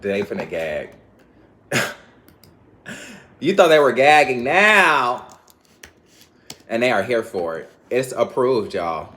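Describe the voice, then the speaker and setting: A man talking straight to his viewers in a loose, rambling monologue full of slang and scattered thoughts. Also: on the low side. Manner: rambling, scattered, laughs often, lots of slang. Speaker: vlogger.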